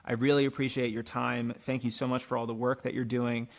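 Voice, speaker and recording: A man talks casually as a podcast host. His medium-pitched voice is noticeably creaky, with a gravelly fry running through his conversational delivery. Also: flat delivery, brisk. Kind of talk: casual interview.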